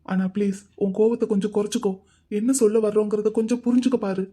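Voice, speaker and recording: Someone playing a calm pleading cartoon man. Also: high voice, quick pace. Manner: pleading, gentle.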